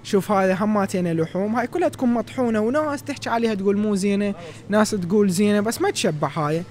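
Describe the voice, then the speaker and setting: A young man in his twenties with an Iraqi Arabic accent, giving chatty, lively tour-guide commentary as a vlogger in a large indoor supermarket, recorded on a handheld phone. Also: high voice, very fast, a little hiss or hum. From Iraq. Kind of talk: casual walk-through vlog.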